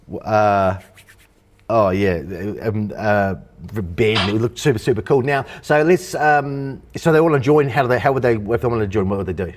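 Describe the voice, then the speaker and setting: A man hosting a casual interview, often repeating and restarting his words and answering with quick yeahs. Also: fairly low pitch. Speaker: interview host.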